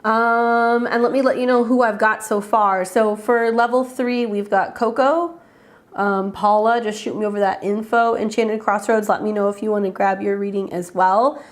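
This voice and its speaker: A woman hosting live astrology readings greets viewers by name in relaxed livestream chat, her voice stuffy from a head cold. She speaks at normal speed in a steady, mid-range voice.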